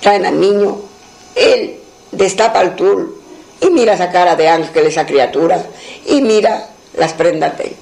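A man's voice: high-pitched, a little slow, gravelly, a little mellow, slight background noise, low-quality recording. A man telling a folk tale aloud in a plain, repetitive storytelling manner, voicing the characters' lines himself.

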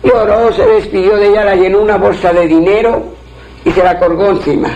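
High-voiced man telling a folktale. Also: little pitch movement, fairly quick, gravelly, a little mellow. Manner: repetitive, rhythmic retelling. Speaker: storyteller. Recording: dull lo-fi recording.

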